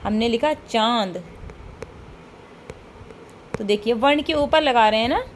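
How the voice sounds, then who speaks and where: Woman teacher repeating points, faint hiss. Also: a little high. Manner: repeats points with "ठीक है" and rhetorical questions. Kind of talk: online class lecture.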